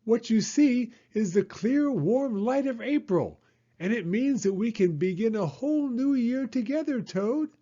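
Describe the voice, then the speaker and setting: A man reading a storybook aloud who voices an eager, excited male frog in a high voice, calling out to his sleepy friend. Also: unhurried, lo-fi sound, exaggerated voice. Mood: eager coaxing.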